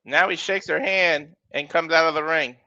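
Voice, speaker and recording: A man with a high, bright voice calls a wrestling match live. He gets excitable, swears casually and shouts when a big move lands. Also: moderate pace, muffled recording. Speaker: wrestling watch-along commentator. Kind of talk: live play-by-play commentary.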